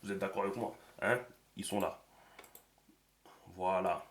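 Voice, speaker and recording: A man with a slightly low voice walks through a screen-recorded lesson. He talks half to himself as he draws, with frequent fillers and small restarts. His voice comes through a computer mic. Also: steady tone, measured pace. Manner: talks to himself while writing, many fillers. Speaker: teacher of a script.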